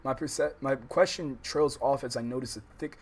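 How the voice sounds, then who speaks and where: Speaking at a normal pace with a mid-range, breathy-edged voice, an American man hosts a relaxed let's-play stream. He reads the story text with stumbles and responds with slang and profanity.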